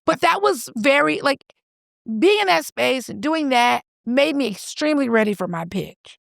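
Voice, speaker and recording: A woman co-hosting a podcast tells a long story in easy, casual chat. Her voice sits a little high, with a gravelly, creaky edge. She talks animatedly, swears freely and acts out what people said. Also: expressive, moderate pace, no echo, studio quality. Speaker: podcast co-host.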